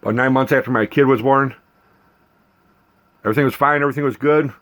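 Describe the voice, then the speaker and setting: A man's voice: mid-range voice, steady tone, fast talker, a bit bright. Male vlogger, mid register, airing a grievance off the cuff; indignant, profane, hammering each point. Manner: aggrieved, profane, emphatic, repetitive. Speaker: vlogger documenting a personal grievance. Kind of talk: unscripted personal rant.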